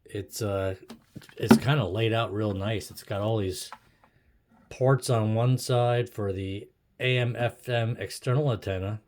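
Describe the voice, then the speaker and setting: In a home room, a middle-aged amateur video maker sits at a wooden desk with a lowish voice, rambling casually to himself as he shows an object, hesitant, musing and self-deprecating. A camera or phone on a tripod captures it, and the home recording is clearly noisy with clicks.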